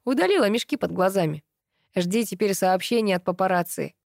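A woman's voice: medium pitch, lively intonation, a little fast, creaky, darkish tone, no room sound, clean studio sound. A woman reading an audiobook, voicing a sarcastic young man who teases his sister, in a mocking, ironic manner.

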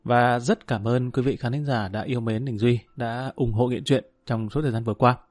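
A man reads a story aloud at a middle pitch, measured and steady. The recording is close and dry, with no room sound around the voice. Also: no room sound. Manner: hesitant fillers when speaking to listeners. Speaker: audiobook narrator. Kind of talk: audiobook narration.

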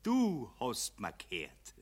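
The sneering money spirit. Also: male voice, mid-range voice, wildly swooping pitch, exaggerated voice. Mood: taunting. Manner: taunting, drawn-out sneering delivery. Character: gloating male spirit of money, mocking and sly. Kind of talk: radio play acting.

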